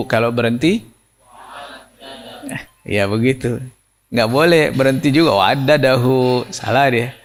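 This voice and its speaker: Slow-speaking man teaching Quran recitation. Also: medium pitch. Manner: explains rules step by step, checks understanding. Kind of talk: tajwid lesson for teachers.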